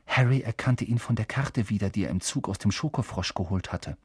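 A man narrating an audiobook in an expressive, storytelling manner. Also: on the low side, a little fast, breathy edge, no echo, studio quality. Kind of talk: scripted narration.

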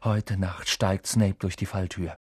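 A man voicing an anxious schoolboy who speaks urgently, at times hushed. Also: deep voice, level tone, unhurried, husky, no echo, studio quality. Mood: plotting.

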